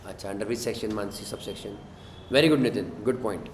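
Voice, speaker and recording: A man's voice: lowish voice, very fast. A man with an Indian accent teaching an interactive class as a tutor, prodding students with questions and short checks. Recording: echoey room with faint noise.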